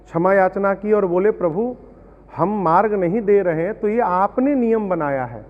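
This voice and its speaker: A man's voice: high-pitched, moderate pace, in a large hall, dull audio. A man telling a scripture story and explaining its verses, singing lines of verse between his explanations. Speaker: Ramayana storyteller. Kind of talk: devotional discourse with sung verses.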